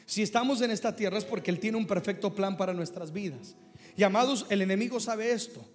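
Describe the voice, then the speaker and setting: A high-pitched man delivers a sermon as pastor, drawing responses from his congregation. His voice rings out with a long hall reverb behind it, the sound of a church hall. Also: a little fast, soft background music. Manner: preaching to a congregation, calling for responses.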